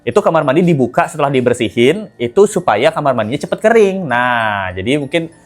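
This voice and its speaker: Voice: medium pitch, very animated, brisk. A channel host giving casual commentary and talking straight to viewers, with lots of fillers. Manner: chatty, filler-heavy, addresses viewers as guys.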